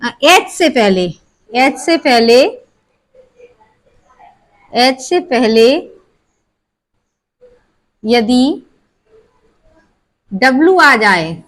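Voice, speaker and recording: A woman's voice: fairly high pitch, expressive, very slow, pauses often, fairly bright tone. A woman teaching English pronunciation rules, asking herself questions and answering them, spelling words out letter by letter.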